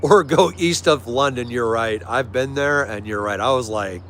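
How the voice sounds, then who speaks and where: Friendly and easygoing, this livestream host from the United States chats with viewers in an American accent. His mid-range voice is a bit bright at a normal pace, and a vehicle-like hum is clearly audible behind him.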